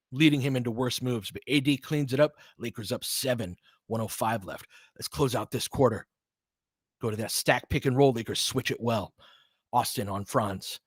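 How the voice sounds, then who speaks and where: This man's voice sits in the mid range and has a slightly bright quality, captured in a clean studio with no room sound. He's doing live play-by-play for a basketball game, cheering unabashedly for his side while calling the action in brief, choppy fragments.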